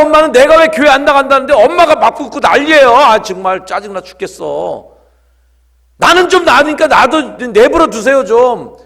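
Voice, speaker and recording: A man voicing an angry high-school boy who complains loudly to his mother in a sermon story. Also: heavily acted. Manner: whiny, indignant shouting.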